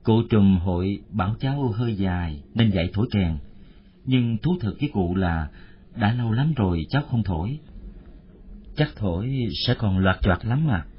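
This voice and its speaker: A humble young wandering musician, played by a man, earnest and deferential to his elders. His low, husky voice moves through a wide range of pitch. The recording is dull and lo-fi. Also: expressive, moderate pace. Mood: polite, earnest. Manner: deferential, polite. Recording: muffled lo-fi audio.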